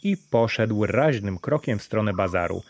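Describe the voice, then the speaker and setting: A man reading a fairy tale aloud as an audiobook narrator, in a calm, measured storytelling manner. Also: fairly low pitch. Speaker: reader, narrator.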